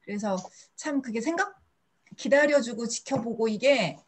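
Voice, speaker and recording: A woman from the audience earnestly explains her difficulty in halting, word-searching speech. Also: on the high side. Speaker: audience member asking a question. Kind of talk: question-and-answer talk.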